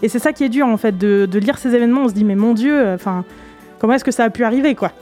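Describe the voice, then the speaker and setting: A French woman co-hosting a radio show, presenting a board game in relaxed chat, hesitant with many fillers. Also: a little high, quick pace. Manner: chatty, hesitant with many fillers, laughs easily. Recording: radio studio with faint music behind.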